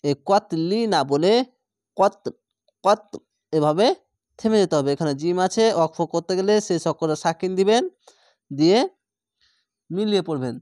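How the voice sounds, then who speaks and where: A man with a fairly high voice teaches reading aloud, spelling out syllables one by one before chanting each word slowly and stretching the vowels. The sound is close and dry, with no room echo. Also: a little mellow. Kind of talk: slow spelled-out recitation lesson.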